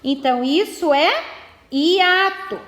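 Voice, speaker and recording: A woman's voice: high voice, expressive, takes it slowly, fairly bright tone, echoey room. A woman teacher, patiently explaining a lesson and reading exercises aloud.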